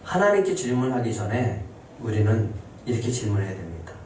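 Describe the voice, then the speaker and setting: A male pastor preaching a sermon to his congregation. He asks them questions and answers them himself, and his voice climbs high and emphatic when he voices scripture. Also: big pitch swings, fairly quick, mellow. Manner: rising to high emphatic pitch when voicing scripture quotes. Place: church sanctuary. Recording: very echoey, distant, faint hiss.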